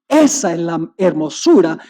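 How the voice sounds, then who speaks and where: A man's voice: a little high, sing-song, unhurried, warm tone. A male pastor preaching a sermon, telling a parable with emphasis and speaking directly to the congregation. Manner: emphatic storytelling, addresses the audience directly.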